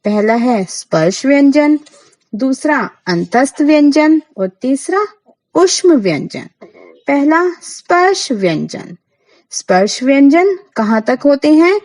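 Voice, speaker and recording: A woman's voice: high voice, sing-song, slow, darkish tone, poor audio. A woman teacher giving a grammar lesson to schoolchildren, asking the class questions and then answering them herself, and spelling out the sounds one by one.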